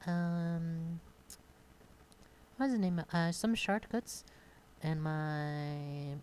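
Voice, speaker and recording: A young content creator from Brazil, with a Brazilian Portuguese accent, talks shyly in an unscripted, casual monologue at her home computer desk, sitting close to her microphone and halting with many pauses and fillers. Her fairly low voice is a little mellow and has a clear, resonant tone.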